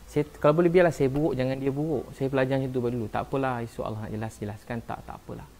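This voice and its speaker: A man with a Malaysian Malay accent, a preacher talking casually on a live stream, soft-spoken and earnest, often saying "ha" and "Masya Allah". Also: medium pitch, fairly even intonation, racing. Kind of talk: casual live-stream talk answering viewers.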